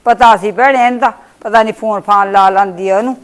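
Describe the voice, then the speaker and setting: A woman's voice: medium pitch, fairly even intonation, brisk. A woman playing an aggrieved mother who pleads and complains in a family drama skit. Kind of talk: village family drama acting.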